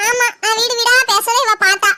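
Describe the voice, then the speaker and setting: A woman voicing a sharp-tongued, nagging older mother-in-law in a cartoon, speaking with an in a sarcastic, scolding way. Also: very high-pitched, steady tone, fairly quick, exaggerated voice. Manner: sarcastic, scolding, fake-wailing.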